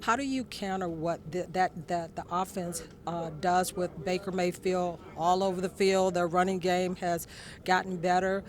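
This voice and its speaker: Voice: medium pitch, fairly even intonation, normal speed. A sports reporter asking interview questions in a locker room.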